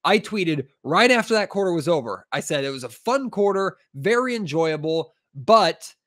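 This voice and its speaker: A man's voice: fairly high pitch, animated, moderate pace, a bit bright. A man with a stuffy, congested cold, hosting a sports podcast in an emphatic, frustrated way with plenty of fillers. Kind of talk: casual sports podcast commentary.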